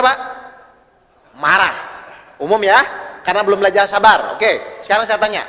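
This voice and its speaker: High-voiced preacher man in an echoing hall. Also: sharp tone. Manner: questioning the audience, repeating points. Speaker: Islamic preacher. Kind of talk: interactive sermon to a live audience. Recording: long hall reverb.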